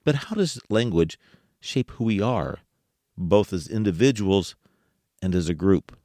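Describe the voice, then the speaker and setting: Low-voiced man hosting a podcast. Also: animated, a little slow, warm tone, no room sound, clean studio sound. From United States. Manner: conversational, asks listeners rhetorical questions; chuckles while talking. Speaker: podcast host. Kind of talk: casual podcast monologue.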